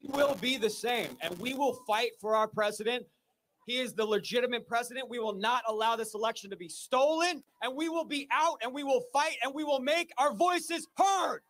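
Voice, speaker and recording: A man delivers a rally speech in a very high, raised voice. He is emphatic and breaks into shouts on key lines. The recording has some noise and clicking. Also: moderate pace. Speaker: rally speaker, protest organizer.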